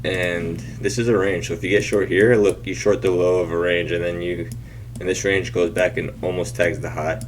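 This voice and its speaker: A man reviewing his trades over a chart, thinking aloud in a casual walkthrough with restarts and the odd throat clearing. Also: sits low, flat delivery, moderate pace, slight background noise. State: has the hiccups.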